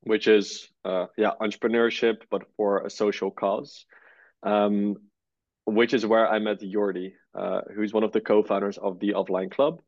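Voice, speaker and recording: An easygoing young Dutchman in his 20s, co-founder of a startup, is interviewed in a relaxed, conversational way. His voice sits on the low side with little pitch movement, a moderate pace and a darkish tone, sprinkled with "uh." The audio is dull and echo-free.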